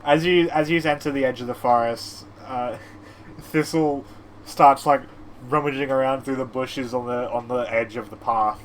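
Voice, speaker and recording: A man narrating as game master of a tabletop role-playing game, unhurried and laughing often. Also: mid-range voice, steady tone, a little hiss or hum, rough recording.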